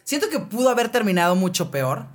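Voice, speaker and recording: A woman with a Mexican accent, a podcast co-host, telling a personal story in a slangy, animated way full of fillers. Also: medium pitch, fairly quick. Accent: Mexican Spanish. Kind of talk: casual chat, personal storytelling.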